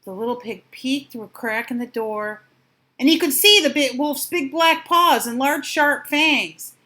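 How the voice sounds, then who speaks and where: An older woman reading a children's storybook aloud with expressive, dramatic emphasis. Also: high-pitched, measured pace.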